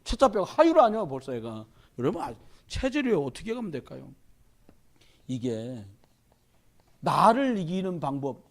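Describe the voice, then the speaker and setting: A man preaching a sermon as the pastor at a Wednesday church service, urging and joking with the congregation. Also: extremely high pitch.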